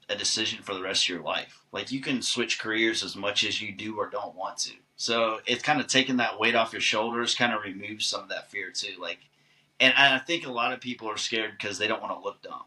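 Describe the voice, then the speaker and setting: A man who is an actor, answering podcast questions in a relaxed, chatty and long-winded way. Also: on the low side, rough recording. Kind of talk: casual podcast conversation.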